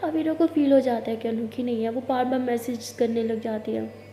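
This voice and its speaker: A woman's voice: fairly high pitch, fairly even intonation, moderate pace, mellow. A woman telling a casual love story in a chatty way, voicing both characters herself. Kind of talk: casual Hindi audio story narration. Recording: echoey room with long reverb.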